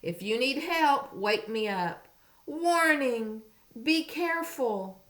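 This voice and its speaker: A woman's voice: high voice, animated, slow, fairly bright tone, pitched above the performer's own voice, exaggerated voice. A woman voicing a plucky, proud little boy from a storybook, read expressively as if to a toddler. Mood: earnest warning.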